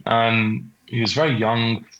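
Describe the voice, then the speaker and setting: Shaken young Pakistani-accented man, halting and flat. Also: mid-range voice, highs cut off. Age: 20s. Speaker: eyewitness being interviewed. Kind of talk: interview account of a traumatic event.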